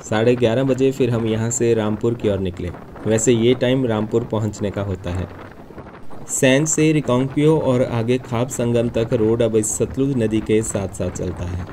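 A man narrating a bus journey for his travel vlog, calm and informative. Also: medium pitch, moderate pace, slight background noise. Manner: informative, matter-of-fact. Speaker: travel vlogger.

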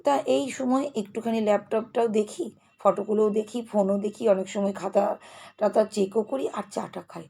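A woman's voice: mid-range voice, gravelly, dark tone, breathy edge. A woman vlogging casually at home about her chores, chatty and restless. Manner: fast, chatty, restless talker. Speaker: lifestyle vlogger. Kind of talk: casual vlog narration. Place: home kitchen.

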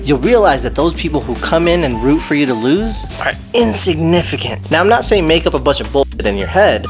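A man in his thirties vlogging straight to a close handheld camera at home, talking bluntly and swearing freely. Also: fairly high pitch. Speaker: motorcycle vlogger. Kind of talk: direct-to-camera vlog. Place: home living room and garage, indoors. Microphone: handheld wide-angle camera close up.

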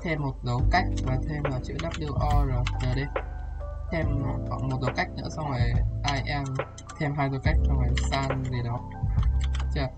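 A man's voice: mid-range voice, steady tone, normal speed, rough recording. A man tutoring a student through programming exercises, thinking aloud as he types and often checking whether the student follows. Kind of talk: casual one-on-one coding tutorial. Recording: music playing behind.

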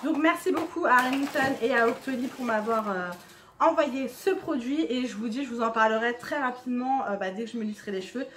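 Speaking a little high and fairly quickly, this young woman chats at home for her vlog over a slight hiss or hum. Her talk is loose and full of fillers and asides, and come evening she lowers it to a soft murmur.

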